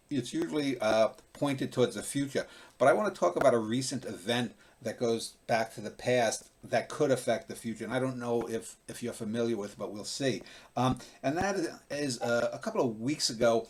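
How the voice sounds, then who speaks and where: Male host on a video call, mid-pitched, measured questions, lots of uhs. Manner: measured, filler-heavy questioning. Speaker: interview host.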